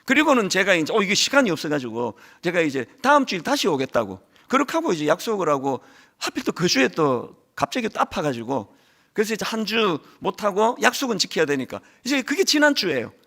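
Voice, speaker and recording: A middle-aged man preaches with a high, lively voice that leaps up and down as he tells stories and acts out what people said. His tone is bright and forward, and a lingering cold sits in his voice. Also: a little fast. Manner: animated storytelling with acted quotes. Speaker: pastor. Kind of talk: sermon.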